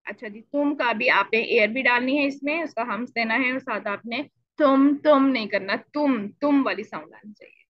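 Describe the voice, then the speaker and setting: A woman teaching Quran recitation in an online lesson, explaining patiently and repeating syllables to demonstrate, clearing her throat now and then. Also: a little high, moderate pace, no room sound. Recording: dull lo-fi dry audio.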